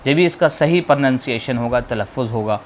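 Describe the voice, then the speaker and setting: A man teaching how to read the Quran, slowly drawing out each letter sound and patiently explaining how to pronounce it. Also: mid-range voice, a little hiss or hum. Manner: slow, drawn-out modeling of sounds, explaining patiently. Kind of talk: spoken lesson on letter pronunciation.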